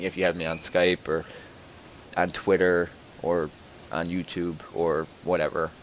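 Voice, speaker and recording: A young man with a fairly low voice chats casually on his own podcast. He rambles and jokes as he answers listener questions, full of fillers and false starts. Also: slight background noise. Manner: rambling, joking, lots of fillers and restarts. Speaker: podcast host.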